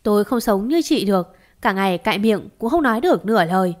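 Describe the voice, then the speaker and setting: Shrill bossy old mother-in-law, scolding, voiced by a woman narrator. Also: animated, fast, close to an everyday voice. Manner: scolding, shrieking.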